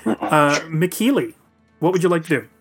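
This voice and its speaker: A game master running a tabletop role-playing game, narrating the fight with a lively voice that rises and falls a lot. Laughs come easily between the lines, with soft music underneath. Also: mid-range voice, normal speed, breathy edge.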